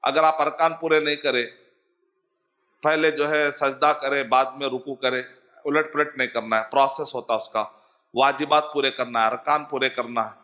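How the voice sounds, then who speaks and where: A man in his forties from Hyderabad, India, with a Hyderabadi Urdu accent, giving a religious lecture as an Islamic scholar, slowly spelling out Arabic terms and mixing in English words. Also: mid-range voice, fairly even intonation, bright, forceful tone. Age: 40s.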